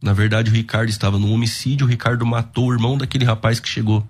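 A man telling his life story as a guest, unhurried, with pauses and restarts. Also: mid-range voice, little pitch movement, darkish tone. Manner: recounts events, acting out quoted dialogue. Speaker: guest giving his testimony. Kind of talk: conversational storytelling.

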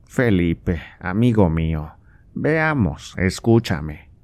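A man's voice: low-pitched, animated, measured pace, darkish tone. A man reading aloud and voicing a scornful, impatient old nobleman who scolds his son with sarcasm. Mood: coaxing. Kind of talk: audiobook character voice.

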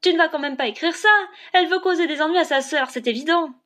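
A woman voicing a mocking, spiteful young female disciple who jeers loudly at a rival in a storybook reading. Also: high-pitched, fast talker, voice pushed up. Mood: scornful. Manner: loud, jeering and scornful.

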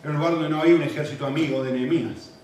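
A man's voice: a little high, steady tone, racing, darkish tone. Argentine male preacher, conversational questioning delivery; distant mic in a very reverberant hall. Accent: Argentine Spanish. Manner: conversational, asks the audience questions. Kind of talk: expository sermon. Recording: echoey hall, mic from afar, faint hiss.

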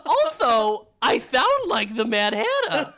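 King Candy, a woman doing a shrill fussy candy king. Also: huge pitch swings, takes it slowly, exaggerated voice. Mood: pompous. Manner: loud, theatrical, swooping high voice. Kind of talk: comic phone-call skit.

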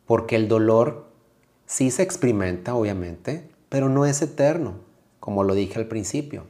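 Man, Mexican Spanish accent, lowish voice, yoga teacher, motivational podcast talk, calm, reflective, addresses the listener. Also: moderate pace. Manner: calm, reflective, speaks straight to the listener with frequent "¿sí?" checks.

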